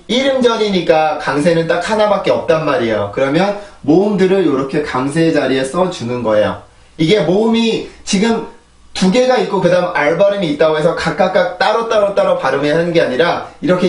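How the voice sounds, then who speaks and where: Man, pronunciation teacher, patient drill-style delivery, a bit high, echoey and off-mic. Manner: patient, repeats words in drills, asks "그죠?". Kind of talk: explaining lesson with drills. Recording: echoey room, mic at a distance.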